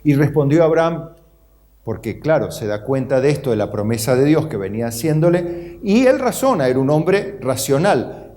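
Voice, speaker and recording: Middle-aged argentine pastor preaching, mellow low-toned voice, voices the bible people. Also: male voice, sing-song, normal speed. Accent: Argentine Spanish. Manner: acts out Bible figures' voices with rising pitch. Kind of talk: sermon.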